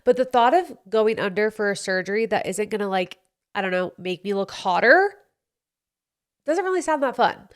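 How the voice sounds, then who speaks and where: A young woman hosts her own podcast on a studio mic, chatting candidly and playfully about her week in a casual solo show. Her voice is medium-pitched and animated at a normal speed, and it sounds a bit congested.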